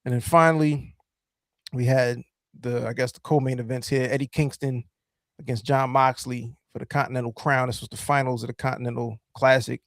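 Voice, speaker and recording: Brief: male podcast host, mid-pitched, loose rambling delivery full of fillers, dry close mic. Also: steady tone, a little fast, dry recording. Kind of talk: casual chat.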